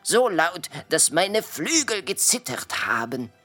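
A woman voicing a kind male butterfly waiter with French touches in his German, soft and polite in a children's audio drama. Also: on the low side, big pitch swings, takes it slowly, breathy edge, faint music behind, exaggerated voice. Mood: troubled.

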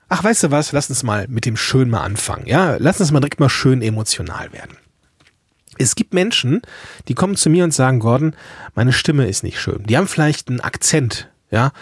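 Husky guy doing a solo podcast, coaching the listener, super dry close mic. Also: medium pitch, darkish tone, no room sound. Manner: earnest, coaching, speaks directly to the listener.

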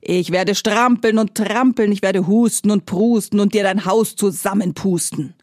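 A woman voicing a big menacing wolf in a storybook reading, drawing out his threats slowly. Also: medium pitch, darkish tone, no echo, studio quality, close to an everyday voice. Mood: threatening. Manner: slow, drawn-out threats. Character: big menacing male wolf, slow and heavy.

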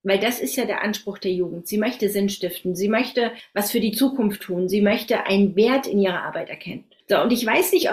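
A woman's voice: mid-range voice, darkish tone. Emphatic German-speaking woman guest. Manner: emphatic, persuasive, stresses points with "doch" and "so". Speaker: guest, author on skilled trades. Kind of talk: interview answers.

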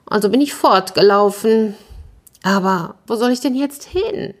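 A woman's voice: mid-range voice, unhurried, voice pushed up, close to an everyday voice. A woman voicing an old, worn-out cat that grumbles and stammers through its complaints in a children's story. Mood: sorrowful.

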